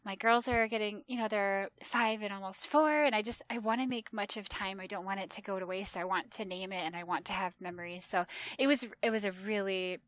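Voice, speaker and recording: A woman's voice: medium pitch, brisk, hardly any pauses. A woman in her thirties, a travel agent, chatting animatedly as a podcast guest. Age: 30s. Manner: chatty and animated, mimics voices in retold quotes. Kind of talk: casual conversational interview.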